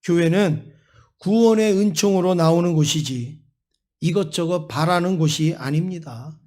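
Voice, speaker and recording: This is a male pastor with a high-pitched voice, preaching a Sunday sermon. He moves between a told story and emphatic, rising exhortation to the congregation. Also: a little slow, a little mellow.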